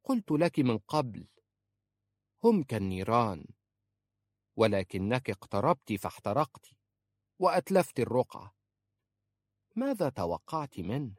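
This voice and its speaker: A man voicing a sharp-tongued older woman who scolds and protects a young woman, with a sarcastic, blunt manner. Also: fairly low pitch, lively intonation, normal speed, long pauses, dry recording. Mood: scolding. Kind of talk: audiobook character voice.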